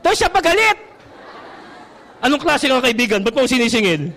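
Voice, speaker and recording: A man's voice: extremely high pitch, big pitch swings, normal speed, vocal fry, sharp tone, some chatter behind. A man with a Filipino accent preaching a sermon as pastor, mixing Tagalog and English and calling out to the congregation for amens.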